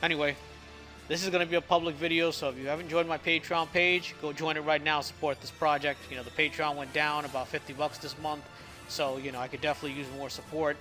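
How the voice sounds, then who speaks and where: A man's voice: a little high, little pitch movement, quick pace, bright, forceful tone, soft background music. A man talking casually through a game devlog, his speech a little slurred by a swollen lip, with occasional stumbles. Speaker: indie game developer narrating a devlog. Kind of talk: casual explanatory devlog talk.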